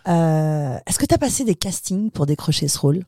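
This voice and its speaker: A woman's voice: sits low, animated, normal speed, dry recording, clean studio sound. A woman hosting an interview podcast, asking questions and encouraging her guest in a casual tone. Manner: warm, encouraging questions with short backchannels.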